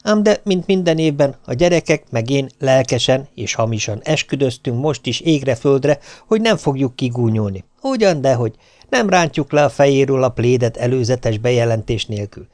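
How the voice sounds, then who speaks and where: A man's voice: mid-range voice, animated, darkish tone, no echo. A man narrating an audiobook with dry, wry storytelling.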